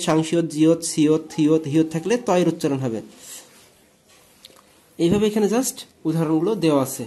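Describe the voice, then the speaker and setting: Mellow-voiced man teaching a language lesson. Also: high-pitched. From Bangladesh. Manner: explains step by step, asks and answers own questions.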